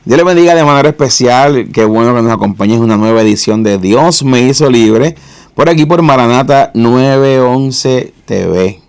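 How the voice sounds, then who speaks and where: Man, faith show host, gravelly low voice, dry studio sound. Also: animated, dry recording. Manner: fervent religious greetings, measured questions. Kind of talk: faith interview.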